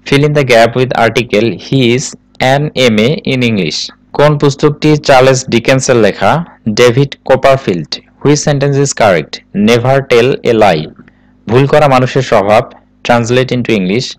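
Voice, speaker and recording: A man with a Bangladeshi accent, working through exam questions and answers in a steady recitation, explaining them as a tutor. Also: mid-range voice, no echo, low-quality recording. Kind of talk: reading quiz answers aloud.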